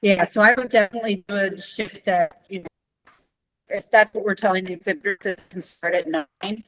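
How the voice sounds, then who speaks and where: Woman, mid-pitched voice, informal meeting talk, event organizer, halting delivery with mid-sentence pauses. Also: fairly even intonation, fairly bright tone, poor audio.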